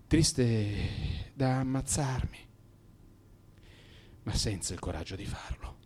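For a radio drama monologue, an actor portrays a troubled man in crisis, melancholy and brooding, blaming himself through halting phrases he keeps repeating. His medium-pitched voice is animated, a little mellow and husky, and the mood is despondent and self-blaming.

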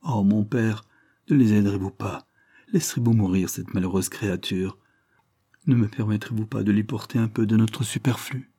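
A man's voice: fairly low pitch, moderate pace, warm tone, husky, no echo. A man reading aloud, voicing a distressed young woman who begs her father through tears. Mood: pleading. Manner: tearful, imploring, voice raised.

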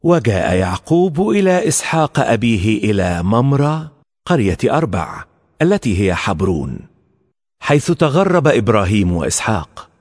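A man's voice: on the low side, very animated, moderate pace. Solemn male scripture reader, echoing hall. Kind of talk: formal scripture reading. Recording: long hall reverb.

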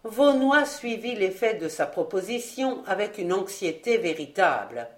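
A woman's voice: medium pitch, sing-song, a little slow. Woman reading a classic novel aloud. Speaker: audiobook reader. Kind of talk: scripted narration.

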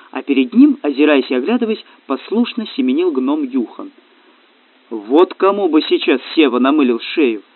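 A man narrating an audiobook story in a steady storytelling manner. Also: fairly high pitch, no echo. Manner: steady storytelling, slips into character voices. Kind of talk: scripted narration. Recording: tinny phone-like, dry.

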